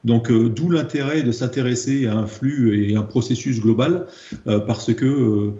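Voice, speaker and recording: This man, a process improvement trainer with a French accent, presents slides at a moderate pace in a warm, mid-range voice. He often hesitates and repeats himself, and the room sound is echoey and dull.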